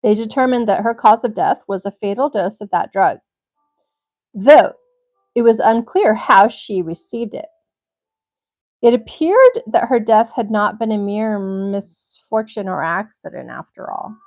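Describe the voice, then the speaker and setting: A woman's voice: medium pitch, expressive, a little slow, a little mellow. A young woman hosting a livestream, reading a crime article aloud and cutting in now and then with blunt, swearing reactions. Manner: reads steadily, breaks off with blunt swearing reactions. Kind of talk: reading aloud with personal asides.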